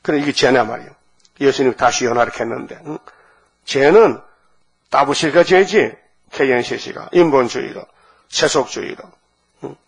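Gravelly-voiced preaching man. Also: medium pitch. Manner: preaching with rhetorical questions, frequent "eung?" prompts, acting out dialogue. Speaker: pastor. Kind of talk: dawn sermon retelling scripture.

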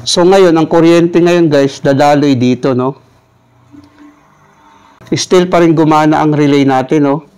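A man's voice: on the high side, a little slow, long pauses, darkish tone, smooth, rough recording. A middle-aged Filipino man with missing front teeth gives a casual instructional explanation, often checking in with listeners. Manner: frequent "no?" check-ins, addressing viewers informally. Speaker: electrical technician giving a tutorial. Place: small indoor room at a table.

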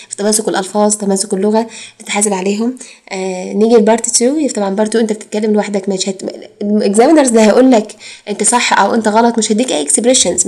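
This woman's mid-range voice has a dark tone as she lectures an IELTS class in Egyptian Arabic. She blends English exam terms into her speech and lingers on drawn-out fillers and hesitant pauses in the recording.

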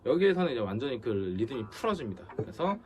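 A man's voice: mid-range voice, big pitch swings, moderate pace. A man teaching a guitar lesson, explaining strumming and palm-mute technique and counting beats aloud. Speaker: guitar instructor. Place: music studio. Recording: loud guitar over the voice.

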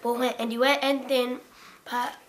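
Woman telling a joke haltingly. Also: high voice, little pitch movement, slight background noise. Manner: halting, stumbling storytelling.

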